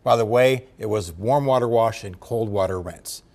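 A man in his fifties, a local news reporter, narrating a story and then chatting in the studio in a measured, clear way. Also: on the low side, a little mellow.

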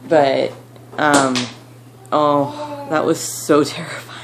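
A young woman with a low voice tells a story straight to her camera at home, rambling and packing her talk with fillers. The recording is noisy, with clicks and hiss underneath. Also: takes it slowly, vocal fry. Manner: rambling, filler-heavy, animated retelling. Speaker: vlogger. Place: at home, child nearby.

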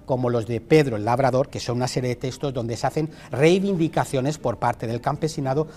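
A man's voice: mid-range voice, brisk, warm tone. A middle-aged man, a university teacher and author, explaining points carefully as an interview guest. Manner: professorial, explaining with examples.

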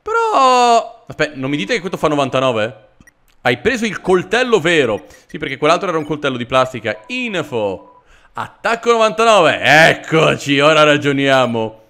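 A man with a sore throat giving sarcastic, animated commentary while playing a video game. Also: fairly high pitch, normal speed. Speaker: let's play host. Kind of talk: gameplay commentary.

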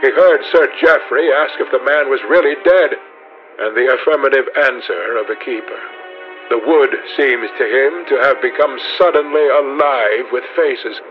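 A man reading a classic novel aloud as an audiobook narrator, in a measured, even storytelling manner. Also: medium pitch, dull audio, faint music behind.

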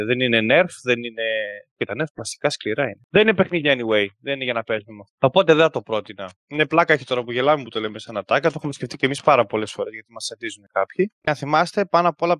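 A man on a podcast gives earnest, lecturing advice straight to his listeners. His voice sits a bit high for a man. The sound is dry and close, with little room echo. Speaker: podcast co-host. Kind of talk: casual advice talk.

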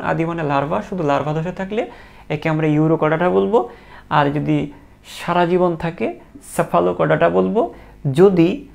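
A man teaching a biology class, patiently quizzing students and repeating terms slowly so they can echo them. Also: high-pitched, vocal fry, darkish tone. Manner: patient, encouraging. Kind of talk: classroom lecture.

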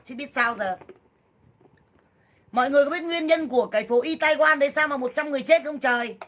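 A woman in her thirties on a casual livestream, loud, blunt and jokey, full of exclamations as she talks to viewers. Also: high voice, a little fast. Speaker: livestream seller and vlogger.

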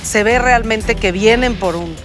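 A woman's voice: a little high, measured pace, over music. A woman with a Mexican Spanish accent, an investor on a TV panel, speaking kindly but firmly. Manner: kind but firm. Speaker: investor judge. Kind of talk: TV business panel.

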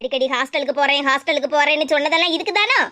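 A woman's voice: high voice, rapid-fire, noisy background, close to an everyday voice. A woman voicing a suspicious, scolding mother in a cartoon, with a Kanyakumari Tamil accent. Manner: scolding, nagging. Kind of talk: cartoon comedy dub.

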